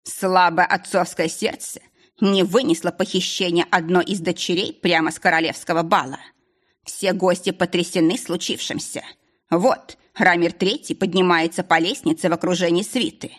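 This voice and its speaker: A woman's voice: fairly low pitch, steady tone, normal speed, natural voice. A woman voicing a sneering male royal secretary who reports a murder with cold mockery. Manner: sneering, dismissive.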